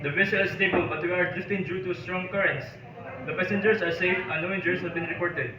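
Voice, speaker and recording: A ship captain keeps to strict marine radio procedure, repeating call signs and ending each call with "over", as a man acts him out. His voice sits fairly high for a man and sounds dull and far from the mic. It echoes around a room, with a crowd murmuring behind. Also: fairly even intonation, fast, natural voice. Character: male ship captain making formal marine radio calls. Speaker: ship captain in a role-play. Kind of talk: amateur maritime emergency role-play.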